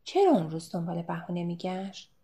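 A woman's voice: on the low side, big pitch swings, mellow. A woman reading as a wary young barmaid.

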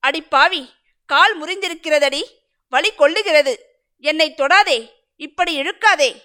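A woman's voice: high-pitched, measured pace, bright, forceful tone. A woman voicing a brave village warrior with a broken leg, speaking earnestly to his wife in a told story. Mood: pained. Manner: earnest, pleading.

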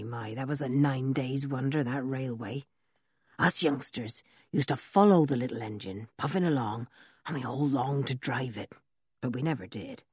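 A woman voicing an old male village blacksmith who tells a story slowly and in a rustic way, with a husky voice. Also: very deep voice, no room sound, clean studio sound, pitched below the performer's own voice, heavily acted. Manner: slow, drawn-out, rustic storytelling. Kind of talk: audiobook character reading.

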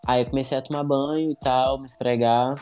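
A man's voice: medium pitch, fairly even intonation, fairly quick, darkish tone, clear, resonant tone. This man tells his story in a loose, rambling way, full of fillers and laughs. His voice sounds a little dull and lo-fi, with faint music under it. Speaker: guest storyteller. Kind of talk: casual storytelling on a podcast.

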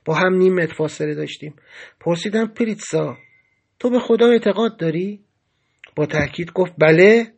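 A man's voice: high-pitched, vocal fry, husky. A man narrating a first-person story for an audiobook in a reflective storytelling manner.

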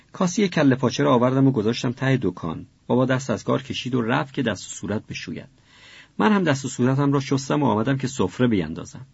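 A man reading a novel aloud in a slow, measured, husky voice, in a dull, dry recording. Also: medium pitch, a little mellow, no echo. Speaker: audiobook narrator. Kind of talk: scripted narration of a novel.

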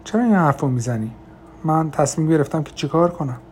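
A man voicing a troubled, unsure mother who answers in quick, shaky, hesitant lines in an audiobook. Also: fairly high pitch, expressive, a little mellow, a little hiss or hum, natural voice. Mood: anxious.

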